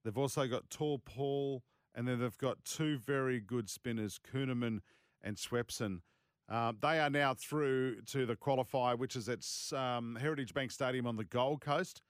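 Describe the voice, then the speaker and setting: A man's voice: mid-range voice, moderate pace, smooth, no room sound, clean studio sound. A man with an Australian accent hosting casual sports talk. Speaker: sports radio host.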